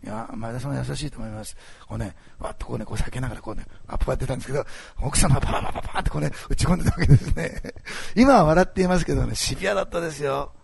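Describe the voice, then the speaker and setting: A man preaching a sermon as pastor, telling a story with animated swings between loud bursts and hushed asides. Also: mid-range voice, racing, no echo. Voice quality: gravelly, husky.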